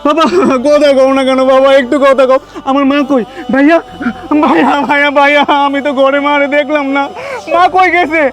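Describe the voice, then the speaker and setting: A man's voice: very high voice, steady tone, a little fast, fairly bright tone. A young man, playing a distraught son who pleads over and over and then wails for his dead mother. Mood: desperate pleading. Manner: pleading, wailing, repeating himself. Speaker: actor in a short drama. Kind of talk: melodramatic drama acting.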